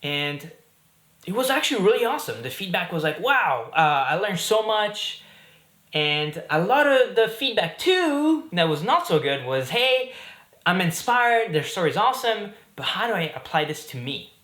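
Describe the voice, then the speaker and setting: Speaking at normal speed, this Belgian host in his thirties has a high, sing-song voice with a sharp tone, and the room is reverberant. He talks to camera casually, keeping things upbeat and chatty, dropping in fillers and jokes.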